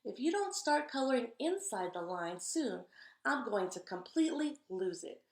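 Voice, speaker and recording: A woman's voice: on the high side, big pitch swings, moderate pace, creaky, a little mellow, roomy sound. A woman voicing a vain, fussy storybook crayon with an exasperated, insistent manner. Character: vain, fussy, neat-obsessed purple crayon.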